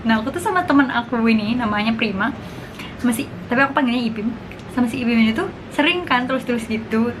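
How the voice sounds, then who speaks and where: A woman's voice: fairly high pitch, fast. A woman, chatting casually and informally to viewers as she eats, sometimes with her mouth full. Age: 20s. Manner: talks while eating, mouth sometimes full; chatty, informal, slang and English interjections. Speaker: vlogger. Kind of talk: casual mukbang chat to viewers. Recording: clear background noise.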